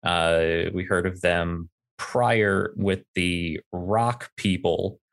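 Slow, low-voiced man recapping. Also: gravelly, a bit bright. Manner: slow, searching for words. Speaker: player. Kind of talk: casual recap.

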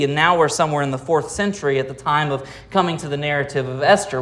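An American man, a pastor, preaching a sermon with dramatic pauses and rhetorical questions. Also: a little high. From United States.

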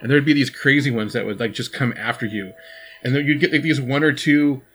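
A man in a relaxed casual chat, joking and trailing off mid-sentence. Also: medium pitch, brisk, slight background noise. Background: background music.

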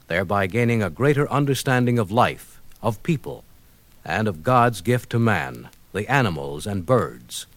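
Stately announcer on an old record. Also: male voice, mid-range voice, no room sound. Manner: stately, ceremonious delivery. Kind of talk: formal record-album introduction.

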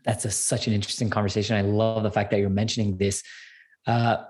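A man's voice: fairly low pitch, level tone, quick pace, darkish tone. A man from Canada telling his life story as a guest in a casual interview, earnest and upbeat, repeating words for emphasis. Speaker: guest entrepreneur and speaker.

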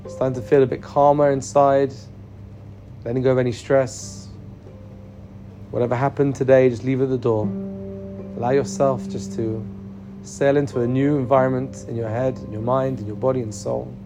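A man guides a relaxation meditation in a calm, soothing manner. His voice sits at a medium pitch. Plucked guitar music is clearly heard behind his instructions. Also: moderate pace, pauses often. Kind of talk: guided meditation and body scan.

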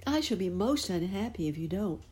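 A woman's voice: medium pitch, lively intonation, fairly quick, darkish tone, voice pushed up, lightly acted. A woman voicing a small, grateful female fairy who pleads earnestly and eagerly.

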